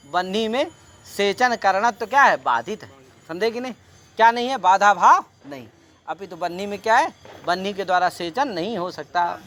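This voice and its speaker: A Sanskrit teacher with a high, slightly bright voice delivers a classroom lecture. Switching between Sanskrit recitation and Hindi explanation, he constantly quizzes his students with repeated questions.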